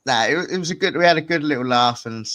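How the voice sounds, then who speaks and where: A man's voice: on the high side, fast talker, a bit bright. Laid-back man in casual podcast chat. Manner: laid-back, jokey, chuckling. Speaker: podcast co-host.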